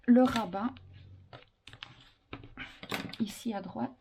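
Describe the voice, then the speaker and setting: A woman's voice: a little high, moderate pace, dark tone. A woman presenting an informal step-by-step craft tutorial, giving instructions as she works with her hands. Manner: instructional, talking while working. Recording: clearly noisy with handling clicks.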